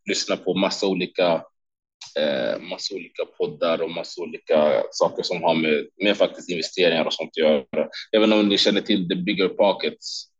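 Swedish guy, deep voice, chatty podcast guest acting out what people said, kinda dull lo-fi sound. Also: slightly rough. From Sweden. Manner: animated, quotes himself and others in lively bursts, laughs often. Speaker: podcast guest, former kickboxing world champion. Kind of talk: casual storytelling interview.

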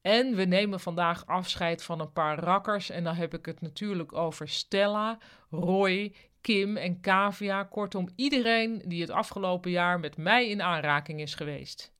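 A man's voice: sits high, moderate pace, fairly bright tone, smooth. A reader voicing a boastful middle-aged male office manager who gives a jovial speech full of corporate jargon. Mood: rousing.

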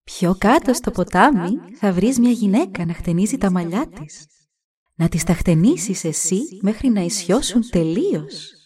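A woman's voice: medium pitch, animated, a little mellow, close to an everyday voice. A woman voicing a mysterious goddess of fate who speaks in a whisper.

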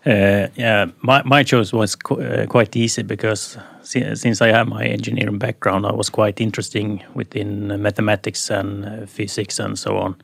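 Gravelly-voiced man, hesitant. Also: fairly low pitch, flat delivery, normal speed, few pauses, no room sound. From Sweden. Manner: hesitant, many fillers. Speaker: student guest. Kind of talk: casual interview answers.

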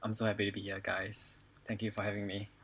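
In a casual personal chat as a podcast guest, a Singaporean-accented man in his twenties talks quickly in a husky, fairly bright, fairly low monotone. He hesitates and fills gaps with plenty of "you know" and "like".

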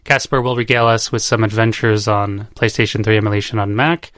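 A man's voice: lowish voice, fairly even intonation, brisk, a bit bright, no echo, studio quality. A man hosting a casual podcast chat, out of breath and rambling, laughing often. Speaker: podcast host. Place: home.

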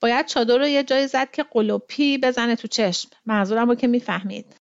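A woman voicing a tall, lanky, freckled male workman in a storybook reading, talking in a relaxed, casual, friendly way. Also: on the high side, no echo, dull audio, lightly acted. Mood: easygoing.

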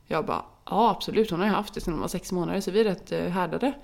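A young woman co-hosting a casual chat podcast. She tells stories at length and acts out each quoted line of dialogue. Her voice carries a gravelly fry. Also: fairly low pitch. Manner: chatty storytelling, acting out quoted dialogue. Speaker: podcast co-host.

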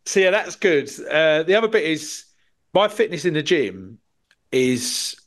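A British man talks casually with a slightly raised pitch. He is blunt and swears freely, piling on exaggeration as he goes. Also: sing-song, measured pace. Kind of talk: casual chat.

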